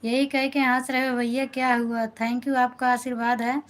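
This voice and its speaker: A middle-aged woman from north India hosts a casual live stream from her phone. Her voice sits a little high. She talks in a chatty way, greets viewers by name and thanks them again and again. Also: level tone, moderate pace, a little hiss or hum, poor audio. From Awadh, north India. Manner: chatty, warm-toned greetings, repeats thanks, reads out viewer names. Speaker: folk singer hosting a live stream.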